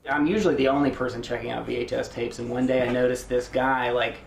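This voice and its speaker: A man being interviewed about collecting tapes, chatty and quick to laugh. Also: medium pitch, fairly even intonation, vocal fry, a little hiss or hum. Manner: chatty, laughing between phrases. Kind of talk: interview storytelling. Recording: echoey room.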